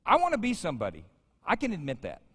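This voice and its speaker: A man's voice: sits high, wildly swooping pitch, fast, fairly bright tone, breathy edge. A man in his fifties preaching a sermon as pastor, conversational and joking with the congregation. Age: 50s. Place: large church sanctuary. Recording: church sanctuary with long reverb.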